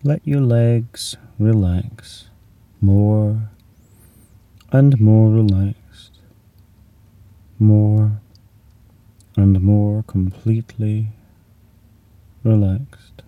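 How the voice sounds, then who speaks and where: A man leading a guided muscular relaxation, speaking in a slow, soothing way that sometimes drops to a whisper. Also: on the low side, steady tone, dry recording, far from the mic, phone-quality sound.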